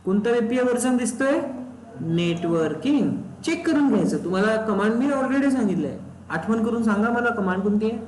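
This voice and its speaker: A man's voice: high-pitched, lively intonation, fairly quick, a little mellow. A man teaching a live technical class, often asking students questions and repeating key terms. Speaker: instructor. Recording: roomy echo, faint background noise.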